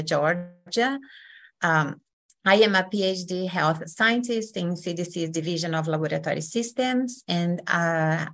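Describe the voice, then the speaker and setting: A Brazilian woman with a Brazilian accent facilitates an online session, keeping things friendly and unhurried with plenty of fillers. Her voice is lowish and a bit bright.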